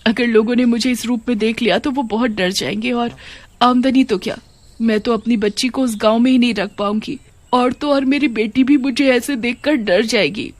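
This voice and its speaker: A woman voices a widowed mother who has become a witch ghost in a cartoon, speaking in a lamenting, emotional, grateful way. Her voice is on the high side, pitched above her own but close to an everyday voice, with fairly even intonation at a normal speed.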